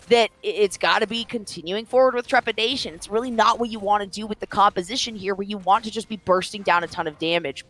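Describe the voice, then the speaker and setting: A woman casting a live esports match, excitable and playful, stretching words for emphasis. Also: mid-range voice. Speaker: esports caster.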